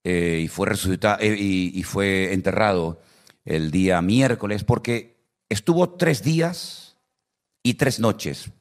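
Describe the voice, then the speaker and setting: Middle-aged male pastor, lowish voice, chatty anecdotal sermon, acts out dialogue. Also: animated, slow. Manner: chatty storyteller, acts out quotes, frequent tag questions.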